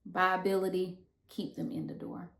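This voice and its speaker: A woman's voice: on the low side, flat delivery, normal speed, fairly bright tone. A woman co-hosting a business podcast, chatty and upbeat, talking casually with her co-host. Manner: upbeat, chatty, uses y'all. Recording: roomy echo.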